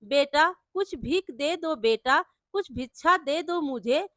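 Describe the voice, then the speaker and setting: A woman's voice: high voice, animated, slow pace, fairly bright tone, dry recording, studio quality, full character voice. A woman voicing an old begging holy man. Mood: pleading. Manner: humble, begging. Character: elderly male wandering holy beggar, pleading.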